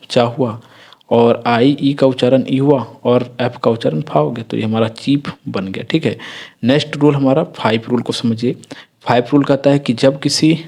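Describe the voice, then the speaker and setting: A man teaching English pronunciation rules in a slow, repetitive classroom manner, checking in often with his students. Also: medium pitch, darkish tone. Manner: repetitive, explains step by step with frequent "ठीक है". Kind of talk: Hindi-medium phonics lesson.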